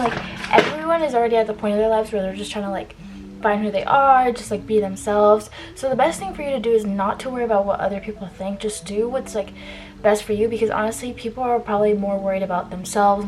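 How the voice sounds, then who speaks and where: A woman's voice: fairly high pitch, rough recording. A young adult woman chatting informally through a get-ready-with-me makeup vlog, giving advice with frequent filler "like" and trailing asides. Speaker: beauty vlogger giving college advice. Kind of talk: casual get-ready-with-me chit chat while doing makeup.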